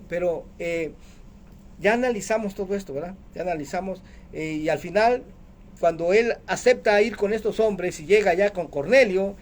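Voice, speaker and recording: A man's voice: high voice, a little mellow, slight background noise. A man preaching a radio sermon as the program's host, emphatic, asking rhetorical questions and calling listeners brother.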